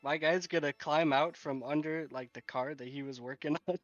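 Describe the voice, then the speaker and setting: A man playing a tabletop game, describing his character in a halting, rambling way full of fillers. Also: a little high, fairly even intonation, fairly bright tone, faint music behind. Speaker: player. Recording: dull lo-fi mic.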